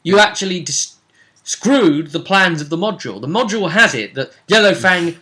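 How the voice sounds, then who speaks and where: Here a man acting as game master casually goes back over a tabletop role-playing session, describing events and tossing rhetorical questions at his partner. His high-pitched voice is expressive, pushed and bright, at normal speed.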